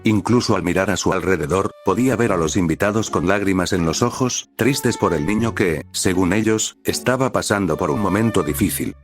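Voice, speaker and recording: A man narrating a fan fiction story in a steady storytelling manner. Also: deep voice, a little fast, few pauses. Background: faint music.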